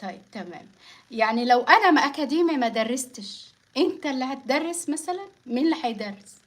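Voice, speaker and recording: A woman with an Egyptian accent talks to her live-stream viewers over a phone at home. Her voice sits high and she answers critics with sarcastic defiance, laughing often between lines. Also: lively intonation, fast talker. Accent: Egyptian Arabic. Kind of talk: casual live-stream talk.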